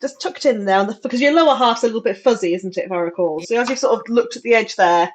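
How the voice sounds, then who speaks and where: Slightly high-voiced woman running a game. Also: fast, a little hiss or hum. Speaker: game master. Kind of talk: narrating and refereeing a tabletop game.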